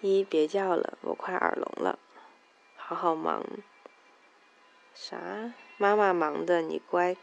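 A woman's voice: on the low side, steady tone, slow pace, vocal fry, long pauses. A woman voicing a busy, dismissive mother talking on the phone in a story. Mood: brusque.

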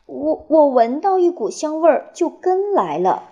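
A woman's voice: sits high, sing-song, a little slow, warm tone, dull audio, pitched above the performer's own voice, exaggerated voice. A mother doing a shy little boy hedgehog. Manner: timid, stammering. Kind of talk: storybook reading aloud.

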